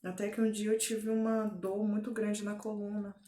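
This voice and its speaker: A woman with a Brazilian Portuguese accent giving a personal faith testimony at home, telling her story earnestly and deliberately with frequent tag fillers. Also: mid-range voice, little pitch movement, warm tone. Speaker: testimony giver. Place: at home, indoors. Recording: echoey home room. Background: faint drill noise.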